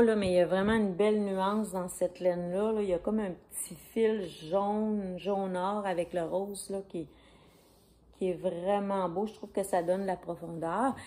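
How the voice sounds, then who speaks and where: A woman's voice: medium pitch, darkish tone. A woman with a Québécois French accent hosting a knitting video podcast at home, talking casually to a camera, rambling and correcting herself. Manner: chatty, rambling, self-correcting, glances at notes. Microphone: camera on a stand.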